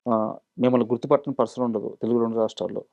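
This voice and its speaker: A male interview host who presses his guest with probing, challenging follow-up questions. He talks quickly in a warm, mellow voice. The sound is close and dry. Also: medium pitch, fairly even intonation, gravelly, no room sound.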